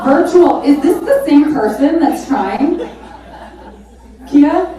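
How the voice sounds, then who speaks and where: A woman's voice: high-pitched, lively intonation, slow pace, noisy background. A woman hosting a live charity auction, calling bids and chatting informally and exclamatorily with bidders. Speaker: charity auctioneer and event host. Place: large echoey event venue with a live audience. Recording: echoey hall, distant PA, crowd.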